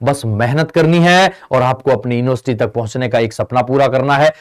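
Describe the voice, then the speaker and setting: A man's voice: medium pitch, a little fast. A man teaching a Hindi grammar lesson for exam preparation, asking the students questions and answering them in their voice, and calling his listeners friend and brother. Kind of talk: online exam-prep lesson.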